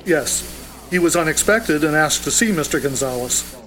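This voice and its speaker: A man's voice: fairly high pitch, lively intonation, normal speed, fairly bright tone, poor audio. A man voicing a formal, precise personal aide in an audio drama, answering questions stiffly and deferentially.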